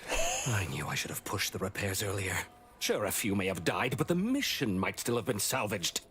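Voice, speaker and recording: A gloomy pompous game commander, deep-ish voice, super formal and dramatic, self-blaming, noisy ambience behind. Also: male voice, sing-song, moderate pace. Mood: bitter regret. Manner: formal, florid, grandiloquent, theatrically self-blaming. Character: pompous, defeated male commander mourning his doomed island. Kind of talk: scripted video game dialogue.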